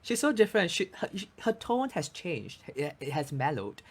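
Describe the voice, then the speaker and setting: A man's voice: a little high, huge pitch swings, moderate pace, husky. A man, a voice coach explaining speaking tips as a guest in a casual interview, often saying "you know".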